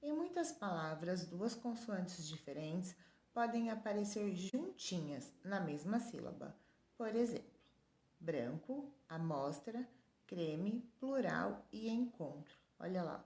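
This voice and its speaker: A woman's voice: on the low side, lively intonation, slow pace, warm tone, roomy sound. A woman teacher reading a workbook lesson aloud to her pupils, spelling out letters and listing words one by one.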